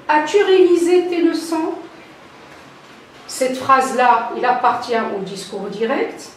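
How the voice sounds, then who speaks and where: An older woman teaches grammar at an unhurried, deliberate pace, repeating each key term. Her voice sits a little high. It echoes around a bare room and sounds like it comes from a few steps back from the mic. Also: far from the mic, slight background noise. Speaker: French teacher. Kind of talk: classroom grammar lesson.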